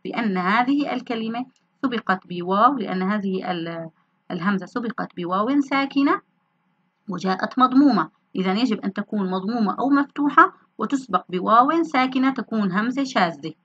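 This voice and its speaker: A woman's voice: mid-range voice, expressive, fairly quick, fairly bright tone, husky, highs cut off. A woman teacher explaining grammar in a recorded lesson, asking questions and answering them herself. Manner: explanatory, asks and answers her own questions.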